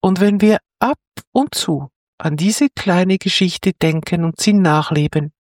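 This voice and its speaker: A storyteller reading a children's story aloud in a calm, gentle manner. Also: medium pitch, measured pace, dry recording, studio quality.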